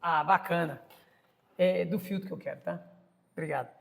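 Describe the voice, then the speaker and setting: Brazilian guy in his 50s, opinionated podcast host, stumbles and repeats words, gravelly. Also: fairly high pitch, moderate pace, big-room sound. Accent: Brazilian Portuguese. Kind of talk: casual interview.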